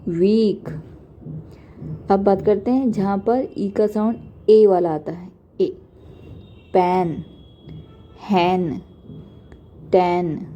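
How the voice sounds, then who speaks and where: A young woman walks beginners through the alphabet one letter at a time. She speaks very slowly and patiently, naming the sound and then a list of example words. Her voice is dark and mellow, at an ordinary pitch. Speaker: English teacher. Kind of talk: slow beginner phonics lesson.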